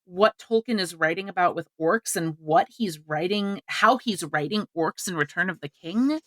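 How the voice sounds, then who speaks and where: A woman with a lowish voice co-hosts a podcast, joining a casual panel chat about film adaptations. She speaks at normal speed in an opinionated, emphatic way, and the recording has no echo.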